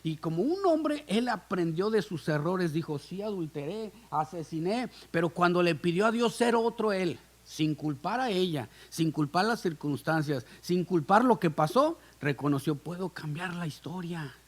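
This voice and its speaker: A male guest pastor preaching with fervor, his voice sitting high. He keeps addressing the congregation as brothers, pushing his lines with urgency in a church setting. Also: animated, normal speed, hardly any pauses. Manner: impassioned preaching, calls on listeners as brothers. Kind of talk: sermon. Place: church hall.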